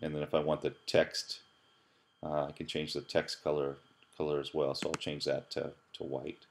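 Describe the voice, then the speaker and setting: A deep-voiced man gives a relaxed screencast tutorial from his desk. He chats loosely, stopping to restart and repeat words as he clicks along. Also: normal speed, a little hiss or hum. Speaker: computer science professor. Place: at his computer, voice-over on screen capture.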